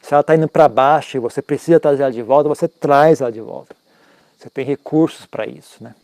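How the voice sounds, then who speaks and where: A man's voice: medium pitch, fast, darkish tone, no echo. A man teaching Buddhism in an informal, conversational talk, often tagging his sentences with questions and making self-mocking asides.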